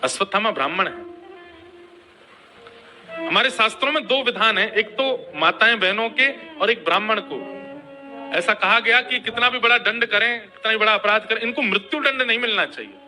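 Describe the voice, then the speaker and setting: Male devotional storyteller, dramatic sermon, crisp bright tone. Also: high voice, moderate pace, faint music behind. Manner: dramatic, chants verses.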